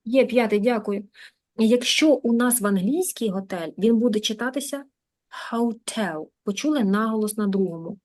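A Ukrainian woman teaching a beginner English class online, in a lively, coaxing manner, repeating words to drill pronunciation. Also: fairly high pitch, a little fast. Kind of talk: live online lesson.

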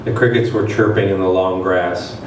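On a small event room's stage, with an audience watching, a man in his thirties delivers a dramatic reading of satirical fiction as a literary event reader. His voice is low-pitched, his tone steady, his pace moderate. A stand-mounted table microphone records from a distance in a very echoey, noisy hall.

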